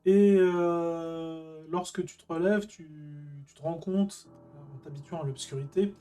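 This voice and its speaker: A game master explaining rules and narrating a tabletop scene in a halting way, with many filler sounds. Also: mid-range voice, fairly even intonation, mellow, soft background music. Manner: hesitant, frequent filler sounds.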